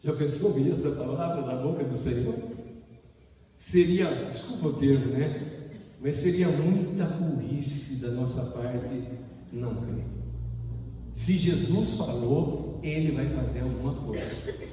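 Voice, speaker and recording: A man with a Brazilian Portuguese accent preaching a sermon as pastor, animated and acting out the people in his story. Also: medium pitch, unhurried, slight background noise. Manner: animated, acts out voices and exclamations. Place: church hall during a service. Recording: echoey hall, mic far off.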